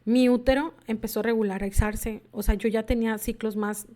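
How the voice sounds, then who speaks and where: Woman, personal testimony, confessional, acts out old dialogue, voice sits a little high. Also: steady tone, moderate pace, dark tone. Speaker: workshop speaker sharing her story.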